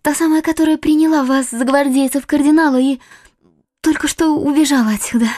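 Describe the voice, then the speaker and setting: Woman voicing a fragile young woman, soft breathy voice, high, audiobook, dry close sound. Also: fairly even intonation, fairly quick, no room sound, natural voice. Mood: earnest. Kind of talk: audiobook character voice.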